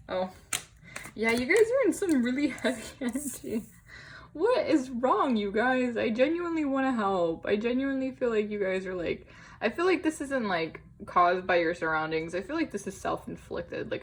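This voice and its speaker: A woman's voice: fairly low pitch, gravelly, low-quality recording. A young woman giving a casual tarot reading to camera, chatty and empathetic, with many fillers and small laughs. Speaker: tarot reader. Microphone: camera on tripod.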